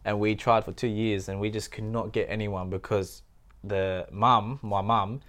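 A man from Thailand, a podcast guest telling his life story in casual conversation, halting and full of fillers. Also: fairly low pitch, little pitch movement, a bit bright.

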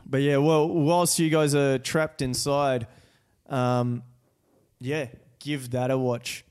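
A man's voice: mid-range voice, level tone, slow, a little mellow, clear, resonant tone. A man hosting a casual film chat, slangy and sweary, often repeating his words. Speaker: podcast host.

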